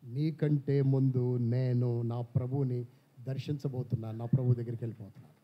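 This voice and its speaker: A man preaching, voicing an apostle's wife who speaks softly and steadily, calm before her death. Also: mid-range voice, fairly quick, voice pushed down, lightly acted. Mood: serene. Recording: slightly dull church recording.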